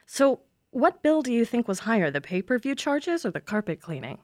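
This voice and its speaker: Casting: a woman as a sarcastic young heroine, animated pitch, dry close sound. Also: moderate pace, no room sound. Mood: exasperated. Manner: wry, exasperated sarcasm. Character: exasperated young woman, sharp-tongued big sister. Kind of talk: audio drama acting.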